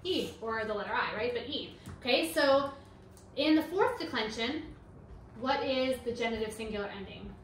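A woman's voice: fairly high pitch, expressive, moderate pace. A woman in her thirties, a homeschooling mother, teaching a Latin lesson at her kitchen table and patiently quizzing her children with frequent okays. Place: home kitchen. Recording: roomy, distant mic, faint noise.

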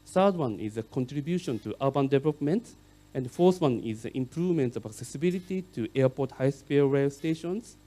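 Middle-aged Japanese-native man, keynote lecturer, mellow voice, halting English full of "uh"s. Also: mid-range voice. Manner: halting non-native English with many fillers. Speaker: keynote speaker on urban rail.

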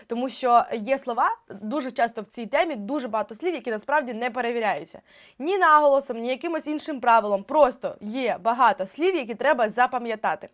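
A woman's voice: a little high, fairly bright tone. Woman teacher stretching out example words. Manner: clear, drawn-out example words, explaining patiently. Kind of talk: online spelling lesson.

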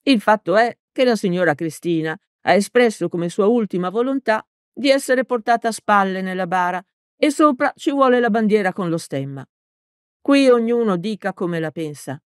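Woman voicing a gruff communist village mayor. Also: mid-range voice, expressive, moderate pace, no echo, studio quality, voice pushed up, lightly acted. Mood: blustering. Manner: blunt, defensive. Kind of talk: audiobook character voice.

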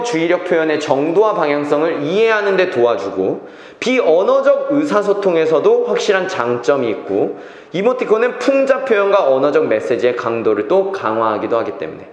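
Animated male teacher in echoey classroom. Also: a little high, normal speed. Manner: questioning students, repeats key phrases. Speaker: English teacher. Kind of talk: classroom lecture.

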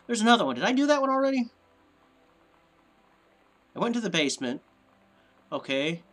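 A man with a stuffy, sniffly nose talks through a game at his desk microphone, half to himself. He mutters and rambles in puzzlement, and his fairly high voice swings up and down a lot. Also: big pitch swings, normal speed, fairly bright tone, faint music behind. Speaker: gameplay video host. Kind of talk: casual let's-play commentary.

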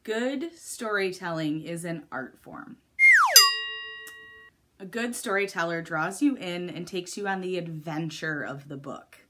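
Upbeat, encouraging teacher woman, low-pitched. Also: unhurried, background noise. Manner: upbeat, encouraging, explains step by step. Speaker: middle school teacher. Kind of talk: recorded video lesson.

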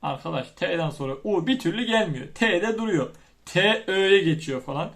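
A man teaching young children as their primary school teacher, chanting the alphabet and speaking to them directly in a lively classroom manner. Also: sits high, normal speed, creaky. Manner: animated, chants letters, addresses children directly.

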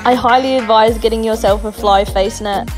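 Young Aussie woman, chatty travel narrator, upbeat tips over loud music. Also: a little high, fairly even intonation, normal speed. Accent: Australian. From Darwin, Australia. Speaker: travel vlogger.

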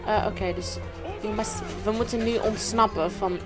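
A woman commentating a video game, excitable and reacting loudly to what happens. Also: mid-range voice, moderate pace. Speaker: gamer. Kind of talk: let's play commentary. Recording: game music behind the voice.

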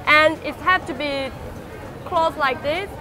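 A woman's voice: high-pitched, takes it slowly, sharp tone, a faint crowd. A young woman chef, explaining ingredients in simple, upbeat English on a cooking show, recorded on a camera mic with music behind. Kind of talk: casual cooking-show chat.

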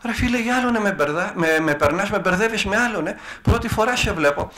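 Older man voicing skinny scared young guy, flustered, pitched well above his own voice. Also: lively intonation, bright, forceful tone. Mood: protesting. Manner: protesting, flustered. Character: scrawny frightened young man, defensive.

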